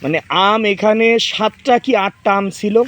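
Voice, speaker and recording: A man's voice: high-pitched, a little slow, fairly bright tone. A man in his thirties from Bangladesh, chatting casually outdoors in a garden as he demonstrates fruit and directs his children. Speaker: farming vlogger. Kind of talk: casual outdoor demo chat.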